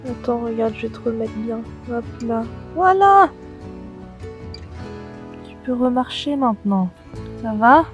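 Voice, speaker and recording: A woman's voice: on the high side, expressive, unhurried, long pauses, soft background music. A woman from the Yvelines, chatting casually while hiking through a forest, thinking aloud with plenty of fillers. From Yvelines, France. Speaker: travel vlogger. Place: forest trail outdoors.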